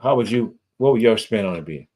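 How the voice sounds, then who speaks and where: A man's voice: lowish voice, lively intonation, fairly quick, warm tone. A man hosting a podcast, asking casual, rambling questions with lots of fillers. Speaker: podcast host. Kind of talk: podcast interview.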